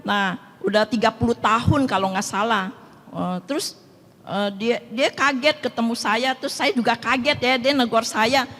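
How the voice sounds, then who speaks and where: A woman with a high voice tells a personal testimony in a chatty way. She acts out each side of the dialogue in her story. Her voice rings through a large church hall with a long reverb. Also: normal speed, fairly bright tone. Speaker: testimony speaker at a prayer meeting.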